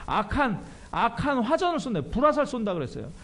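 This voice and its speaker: Male pastor, high and swooping voice, animated church sermon. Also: brisk. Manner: animated, self-deprecating, asks the congregation questions.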